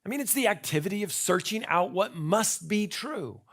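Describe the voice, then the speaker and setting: Gravelly man giving a talk. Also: high-pitched, lively intonation, normal speed, fairly bright tone. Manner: conversational, asks rhetorical questions; frequent fillers and restarts. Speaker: conference speaker. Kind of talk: conference talk.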